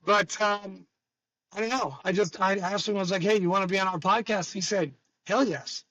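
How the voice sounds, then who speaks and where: A man's voice: high voice, fairly even intonation, moderate pace, pushed and bright, dry recording, rough recording. A man hosting a podcast, joking bluntly and rambling casually between topics. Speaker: podcast host. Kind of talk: casual chat.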